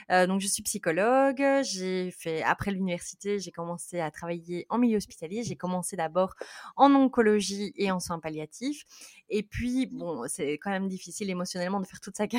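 Guest: Belgian woman, 30s, Belgian French accent, chatty and halting, dry close recording. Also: mid-range voice, dry recording. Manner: chatty, many fillers and restarts, laughs often. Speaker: guest, sleep psychologist. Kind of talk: casual interview talk.

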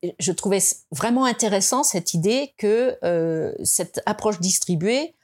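A woman from France speaking as a guest in an interview, reflective and hesitant, with many fillers and restarts, and rising in pitch to stress her points. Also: lively intonation, measured pace, a little mellow. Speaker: design expert guest. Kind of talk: conversational interview.

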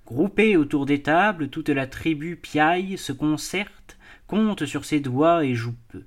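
A man narrating a classic novel as an audiobook, with a measured, expressive reading. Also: a little high. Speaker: audiobook reader. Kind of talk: scripted narration.

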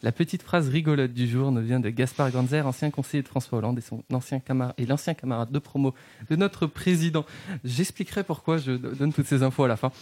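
A man hosting a casual morning radio show, playful and quick to laugh at his own slips. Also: medium pitch, darkish tone, dry recording. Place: radio studio. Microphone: studio microphone.

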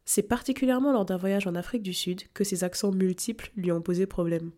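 A woman's voice: medium pitch, steady tone, fairly quick, dark tone. Poised female podcast narrator. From Africa. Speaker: podcast host. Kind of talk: scripted narration.

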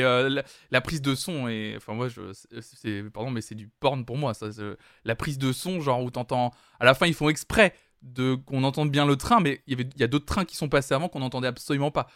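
A man's voice: medium pitch, brisk, hardly any pauses, a bit bright, no echo, studio quality. A man hosting a live music stream, chatting casually with lots of hesitant fillers. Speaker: streaming music show host.

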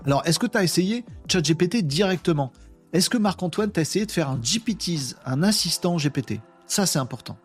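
Lively slangy male live-stream host. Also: fairly high pitch, a little fast, slightly rough, soft background music. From France. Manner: slangy, animated, addresses chat viewers directly. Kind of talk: casual live-stream talk.

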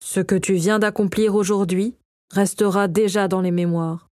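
A woman reading the part of a kind male king who calmly reassures his young son. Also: mid-range voice, moderate pace, dry recording, clean studio sound, natural voice. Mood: gentle. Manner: calm, warm and reassuring. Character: kind, gentle male king and father, a magician.

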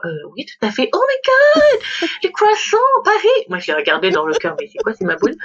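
Animated Gabonese woman telling stories, husky. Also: fairly high pitch. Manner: animated, slips into quoted voices and English phrases. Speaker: coach and podcast guest. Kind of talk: casual interview storytelling. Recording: dull lo-fi remote recording.

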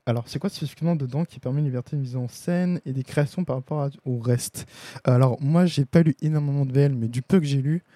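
A man talks through a casual stream review, pausing on fillers and restarting his sentences. His voice is very dark and mellow, at a middling pitch. The sound is dry and close. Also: no room sound. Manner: hesitant, many fillers and restarts. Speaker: host of a comics review stream.

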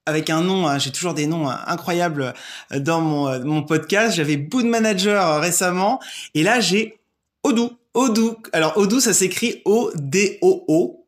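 A man with a fairly high-pitched voice who hosts a podcast. He asks his questions in a hesitant way. He uses lots of fillers and keeps rephrasing as he goes. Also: moderate pace. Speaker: podcast host. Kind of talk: casual podcast interview.

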